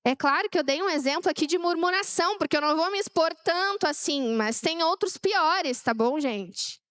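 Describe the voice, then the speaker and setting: A woman's voice: extremely high pitch, animated, normal speed, fairly bright tone, no echo, studio quality. A young woman preaching a sermon, chatty and sharing personal stories with the congregation.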